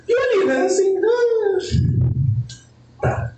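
A man's voice: normal speed, muffled recording, background noise. A man telling a profane comic story at a live show, acting out quotes with big jumps in his voice. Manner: animated, profane, jumps in pitch to act out quotes. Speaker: comedian podcast host. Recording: very echoey live room, distant mic, music behind.

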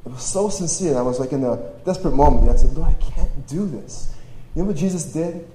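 A Polish-born man now based in Toronto, whose first language is Polish, preaches to young adults at a live gathering, sharing his personal testimony informally. His voice is brisk, warm and fairly high, and his manner is conversational, jokey, slangy and self-deprecating. He's on a stage microphone through a PA in a large, echoey hall, with faint noise in the background.

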